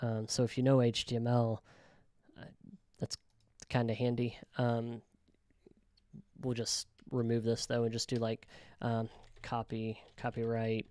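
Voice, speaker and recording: A man casually talking through a software tutorial, thinking aloud with frequent ums and self-corrections. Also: mid-range voice, completely flat delivery, measured pace, no room sound. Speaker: web developer tutorial host. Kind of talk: casual screen-recorded software walkthrough.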